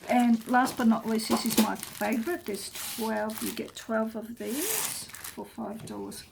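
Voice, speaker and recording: A craft vlogger does a casual show-and-tell of her craft pages, speaking slowly and chattily, rambling and often trailing off into soft murmurs. Her voice is slightly high with a gravelly fry. Noticeable room noise and crinkling paper sit beneath her speech.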